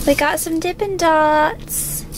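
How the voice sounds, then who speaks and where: A woman's voice: very high voice, slow. A woman, chatting casually and playfully to a vlog camera. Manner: playful, silly wordplay. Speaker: vlogger. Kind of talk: casual chat. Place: inside a car. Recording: loud car noise on camcorder.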